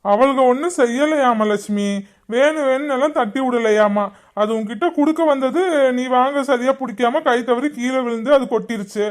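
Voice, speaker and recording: A protective cartoon dad, played by a woman, with a fairly high voice for a man. He talks indignantly and then gently coaxes his children. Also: normal speed, close to an everyday voice. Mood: coaxing. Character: protective father, middle-aged man, scolds wife. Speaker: father. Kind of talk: cartoon voice acting.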